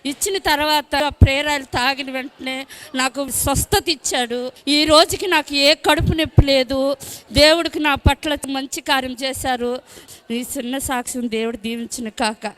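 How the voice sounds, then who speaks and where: A woman from Chennai gives a personal church testimony, speaking plainly and a little haltingly. Her voice sits high. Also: fairly even intonation, fairly bright tone.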